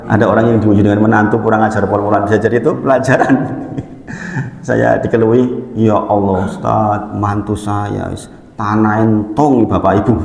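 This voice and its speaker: Javanese-accented male preacher, middle-aged, animated storyteller, long reverb in a hall. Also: fairly low pitch. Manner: lively storytelling, acts out quoted voices, chuckles. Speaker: Islamic preacher. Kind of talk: sermon.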